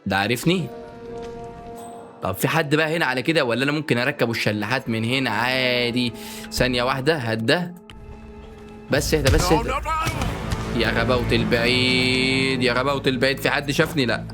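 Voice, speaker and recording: A man with an Egyptian Arabic accent giving joking let's-play commentary, often bursting into panicked repeated shouts. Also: mid-range voice, quick pace, long pauses. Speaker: gaming YouTuber. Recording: game music playing underneath.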